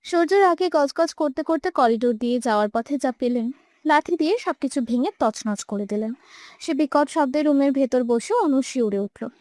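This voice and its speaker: A woman's voice: sits high, moderate pace, darkish tone, no room sound, studio quality. A young woman narrating a romantic audio story with emotive, dramatic delivery. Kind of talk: scripted narration.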